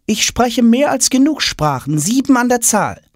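A man's voice: very high-pitched, big pitch swings, normal speed, no room sound, clean studio sound, pitched above the performer's own voice. A man voicing a haughty, aloof ancient queen who answers coldly. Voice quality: cold, haughty.

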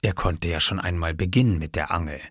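A man narrating an audiobook in an expressive storytelling manner. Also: low-pitched, brisk, slightly rough, no room sound, studio quality.

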